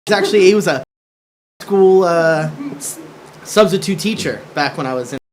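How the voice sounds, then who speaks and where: A man appearing as a guest on a casual political talk show, laughing and animated. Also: a little high, normal speed. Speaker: studio guest. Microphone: studio mic in the corner.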